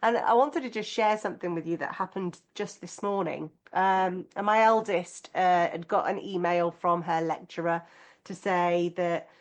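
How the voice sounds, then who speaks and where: Lively, emphatic woman co-host. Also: on the low side, moderate pace. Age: middle-aged. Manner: lively storyteller, animated, emphatic. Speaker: podcast co-host. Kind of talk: casual chat.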